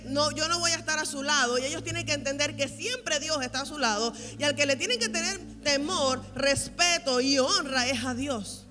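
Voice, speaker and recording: Female pastor preaching with emphatic repetition; tense, bright delivery in an echoing church hall. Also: high voice. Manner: emphatic, repeats key phrases for weight. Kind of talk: sermon at a women's conference. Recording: reverberant hall with faint music.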